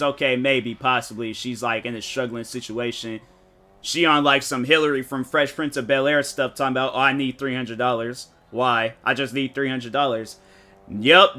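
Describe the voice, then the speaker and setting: Slangy, animated male gaming streamer. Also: mid-range voice. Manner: rambling storytelling, slangy, animated, mock-quotes people. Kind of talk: casual chat while streaming a game.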